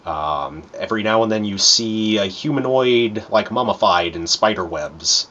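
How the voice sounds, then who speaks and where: A man narrating as dungeon master in a relaxed, rambling way with many fillers. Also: on the low side, unhurried, highs cut off. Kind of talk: narrating a tabletop game.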